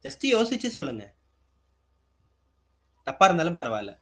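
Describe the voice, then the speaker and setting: A man's voice: fairly high pitch, very animated, moderate pace. A man teaching an exam-prep grammar lesson, asking his students questions and repeating key points. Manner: asks students questions and answers them, repetitive.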